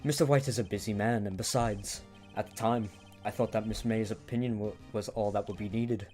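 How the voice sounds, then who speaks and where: A man in his twenties voicing a cold, ruthless young male prosecutor in a fan reading of a game script, speaking low, cool and measured. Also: steady tone, a little mellow, soft background music, lightly acted. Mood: smug. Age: 20s.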